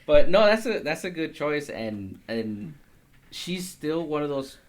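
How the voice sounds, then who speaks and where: A woman's voice: low voice, sing-song, unhurried, darkish tone. A woman co-hosting a podcast, chatting casually and backing the others up. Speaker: podcast co-host. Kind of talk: casual chat.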